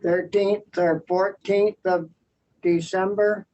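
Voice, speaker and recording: A committee chair running a meeting over a video call, halting and full of fillers. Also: medium pitch, steady tone, dark tone. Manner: hesitant, halting, many fillers. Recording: dull lo-fi audio.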